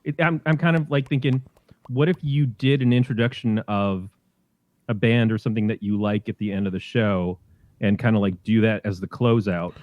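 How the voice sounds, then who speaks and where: A man's voice: on the low side, fairly even intonation, normal speed, no room sound. Hesitant man co-hosting, dull lo-fi sound. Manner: rambling, hesitant, lots of fillers and restarts. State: chewing on a cough drop. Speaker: podcast co-host. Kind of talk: casual chat.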